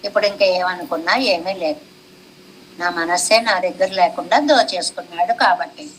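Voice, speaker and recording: A woman's voice: lowish voice, moderate pace, slight background noise, poor audio. A woman giving a devotional discourse on scripture commentary, reciting classical verses and then explaining them with rhetorical questions. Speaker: religious teacher.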